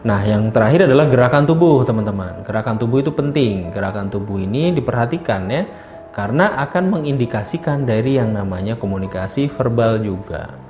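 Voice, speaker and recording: A man's voice: mid-range voice, expressive, a little fast, darkish tone. A man giving a casual lecture, talking to listeners as friends and filling his speech with tag phrases. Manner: addresses listeners as friends, many tag fillers. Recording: roomy, slightly dull sound with faint music.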